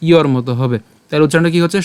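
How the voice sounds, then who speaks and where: A man teaching the Gita, breaking a Sanskrit verse into syllables and chanting it slowly with a tune. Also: a little high, a little mellow, smooth, no room sound. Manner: slow syllable-by-syllable pronunciation drill. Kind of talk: devotional recitation lesson.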